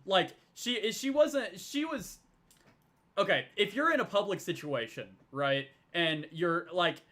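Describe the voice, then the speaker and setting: Young male debater, halting delivery with lots of stammered restarts; voice sits a bit high. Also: lively intonation, a bit bright. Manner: halting, stammers and repeats words. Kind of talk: casual online debate.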